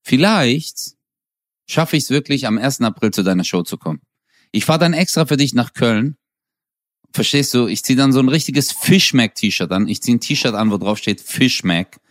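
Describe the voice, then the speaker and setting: Lively teasing young man, dry studio sound. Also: mid-range voice, moderate pace, no room sound. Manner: teasing, animated storytelling with sound effects. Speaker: podcast co-host. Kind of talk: casual comedic banter.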